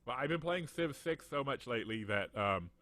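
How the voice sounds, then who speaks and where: A man hosting a casual video-call chat, animated and jokey, slipping into mock voices. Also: mid-range voice, normal speed, background noise. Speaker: podcast host.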